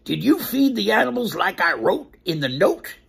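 A woman's voice: mid-range voice, very animated, moderate pace, creaky, slightly rough, full character voice. A woman reading the lines of a worried farmer who keeps checking in on his animals by phone, in a storybook. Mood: anxious. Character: worried farmer man away from home.

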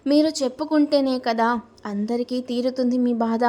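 A woman voicing a young man, a gentle and concerned grandson who coaxes his grandmother to speak. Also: high-pitched, fairly even intonation, normal speed, natural voice. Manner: gentle, coaxing.

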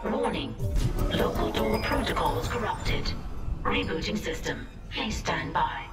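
A woman voicing a robotic female ship computer making flat, measured warning announcements over the ship's loudspeakers. It is heard in game audio. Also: mid-range voice. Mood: even, mechanical. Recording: echoey, distant game audio with loud music.

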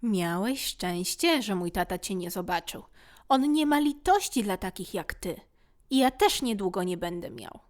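A woman's voice: mid-range voice, very animated, moderate pace, close to an everyday voice. A woman voicing a boastful young boy who wants to seem brave and grown-up. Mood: cocky. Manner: cocky, eager.

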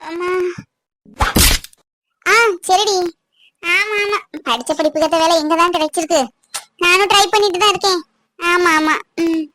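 A woman's voice: sits high, sharp tone, slight background noise. A woman voicing a worried young woman in a cartoon, chatting frankly on the phone about money and work. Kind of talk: cartoon voice acting.

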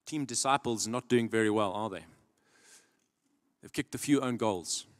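A man's voice: on the low side, normal speed. A man preaching a sermon, telling the story and asking rhetorical questions. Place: church auditorium. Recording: long reverb of a large church hall.

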